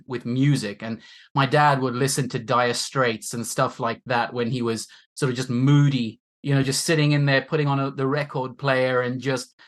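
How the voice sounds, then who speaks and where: A man in his forties from Zimbabwe, a podcast guest who tells stories in a rambling, self-deprecating way, full of fillers and restarts. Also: mid-range voice. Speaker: guest musician and marketer. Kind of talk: casual chat.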